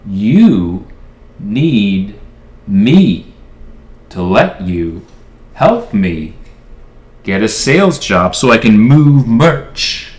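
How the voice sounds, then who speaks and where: Casting: isolated, fed-up guy arguing with his phone, lowish voice in an echoey small room. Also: very animated, drawn-out words, pauses often, a little mellow, exaggerated voice. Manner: exasperated, sarcastic. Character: frustrated isolated man trapped by his phone. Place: small garage apartment.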